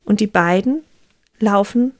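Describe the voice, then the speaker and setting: A woman telling a Bible story to children in an expressive way, slowing down for suspense. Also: mid-range voice.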